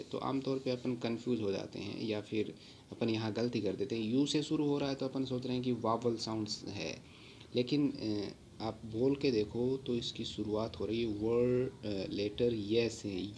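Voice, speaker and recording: A man teaching English grammar in a patient lesson, repeating words slowly and pausing on fillers. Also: mid-range voice, a little mellow, a little hiss or hum. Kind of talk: slow explanatory lesson.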